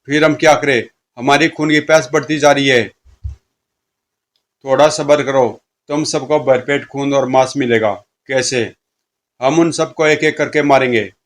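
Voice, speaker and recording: Hissing hungry ghoul chorus voiced by a man, low and menacing, comic-book horror audio story. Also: fairly even intonation, unhurried, lightly acted. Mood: hungry, scheming. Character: bloodthirsty male ghouls of a haunted mansion.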